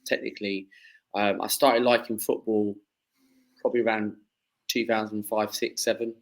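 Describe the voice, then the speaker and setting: A man's voice: lowish voice, level tone, normal speed, low-quality recording. A man in his twenties from southeast England, a football fan chatting as a podcast guest, rambling with many fillers and restarts. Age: 20s. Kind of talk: casual chat.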